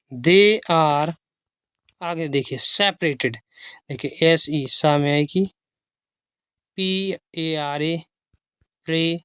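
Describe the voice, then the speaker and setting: An English teacher giving a slow phonics reading lesson, spelling each word out letter by letter and explaining how to pronounce it. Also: mid-range voice, fairly bright tone, clear, resonant tone, no room sound. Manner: spells letters aloud one by one, patient and explanatory.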